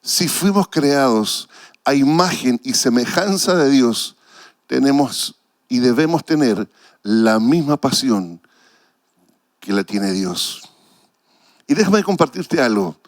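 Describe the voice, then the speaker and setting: A man's voice: medium pitch, lively intonation, slow pace, pauses often, dry recording, clean studio sound. A man with a Chilean Spanish accent preaching a sermon as pastor, earnest and emotional, repeating phrases for weight.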